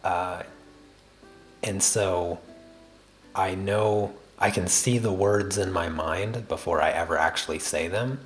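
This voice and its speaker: Faint music plays behind a man with a low voice who hosts a drawing stream. He chats casually with his viewers, very soft and quiet, slow and deliberate, often restarting in small ways.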